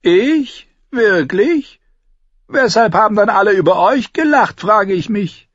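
A sharp-tongued dwarf nobleman with a high, loud, teasing voice that swoops from word to word. His mockery rides on a husky, slightly dull and dry audiobook recording. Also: lively intonation, slow, dry recording, heavily acted. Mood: scornful. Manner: sardonic, teasing, raised and loud. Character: quick-witted mocking dwarf nobleman, adult man.

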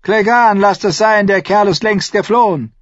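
A man voicing a sharp-witted noble dwarf calling out urgent warnings. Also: high voice, normal speed, no room sound, muffled recording, pitched above the performer's own voice, lightly acted.

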